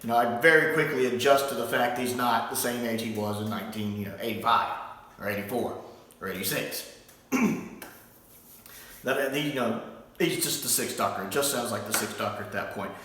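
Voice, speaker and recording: A man's voice: medium pitch, moderate pace, a bit bright, slight background noise. Man reviewing in an echoey room. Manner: rambling, thinking aloud with frequent restarts. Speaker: audio drama reviewer. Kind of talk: casual spoken review. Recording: echoey room, far from mic.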